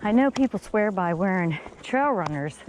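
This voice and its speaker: A solo hiking vlogger, a woman with a medium-pitched, darkish, animated voice, rambles casually at a moderate pace while hiking a snowy outdoor trail. She talks to her dog and her viewers, and you can hear the slight effort of trudging through snow. The recording is noisy and windy.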